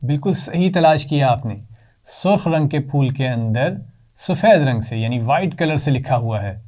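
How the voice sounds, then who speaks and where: This is a man teaching young children to read, and his voice sits at an everyday middle pitch. He talks patiently and kindly, says each letter sound slowly and loudly, has the class repeat it, then praises them. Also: expressive. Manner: warmly praises the pupils. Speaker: Quran reading teacher for children. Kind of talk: children's lesson.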